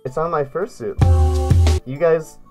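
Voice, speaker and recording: A man's voice: fairly high pitch, fairly even intonation, measured pace, over music. A man in a casual, slangy, mock-earnest manner making prank phone calls as a host, indoors at a desk microphone. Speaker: prank caller and video host. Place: bedroom, indoors.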